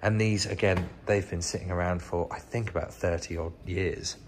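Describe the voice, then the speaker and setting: The British vlogger behind a channel about rotten old cars delivers casual, unscripted commentary while moving around a car workshop. His deep voice stays fairly even at a moderate pace, with slight hiss or hum in the recording.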